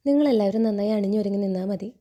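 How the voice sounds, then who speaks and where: Woman reading shy young maid, polite, mellow voice. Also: medium pitch, racing, close to an everyday voice.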